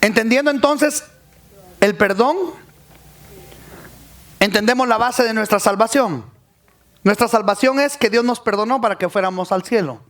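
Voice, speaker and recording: High-voiced man preaching a sermon. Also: moderate pace, long pauses, noisy background. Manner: preaching with rising calls to the congregation. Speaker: pastor.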